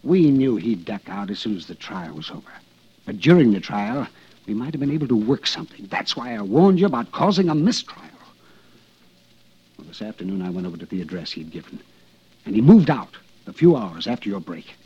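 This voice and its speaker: A husky, fretful lawyer. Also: male voice, lowish voice, big pitch swings, brisk, full character voice. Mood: worried. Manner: hesitant, worried, wavering. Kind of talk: old-time radio drama acting. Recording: dull lo-fi old radio recording.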